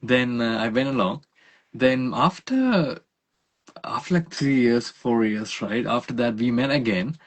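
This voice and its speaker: A young man from Sri Lanka, talking in a relaxed, rambling way with fillers and laughs. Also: medium pitch, measured pace. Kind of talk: casual interview conversation.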